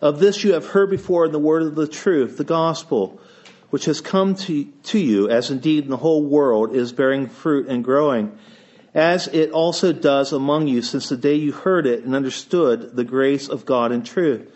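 A man's voice: on the high side, normal speed, a little mellow. Male preacher, Eastern Ohio Appalachian accent, slight head-cold sound, reverent sermon delivery, muffled lo-fi capture. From Eastern Ohio, United States. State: has a cold. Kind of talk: sermon with scripture reading and prayer. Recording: dull, band-limited sound.

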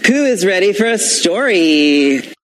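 A man's voice: sits high, big pitch swings, unhurried, a bit bright. A man with a sassy, theatrical drag queen delivery, performing story time for children in a noisy live clip. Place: public library event with packed room.

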